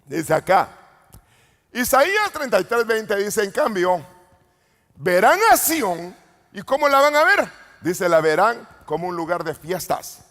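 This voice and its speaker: A man preaching a Pentecostal sermon as an apostle, swinging from low murmurs to sudden shouts and calling out questions to the congregation. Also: very animated, a little slow. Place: church retreat hall. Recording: long hall reverb.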